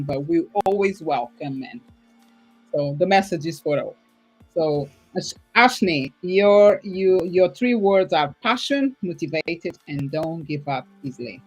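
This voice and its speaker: A woman from Portugal hosts a casual podcast interview, enthusiastic and laughing often, her non-native English slipping at times. Her voice is deep, a little mellow, and husky. The recording is rough.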